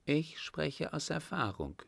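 A man's voice: a little high, sing-song, slow pace, gravelly, fairly bright tone, no echo, pitched above the performer's own voice, exaggerated voice. A man reading an earnest young French mademoiselle.

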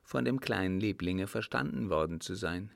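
A man voicing a calm, composed servant and former soldier who answers with quiet mockery in an audiobook reading. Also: deep voice, normal speed, vocal fry, dry recording, clean studio sound. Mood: cool mocking. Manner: calm, composed, faintly mocking. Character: cool-headed male ex-soldier servant, calm and mocking.

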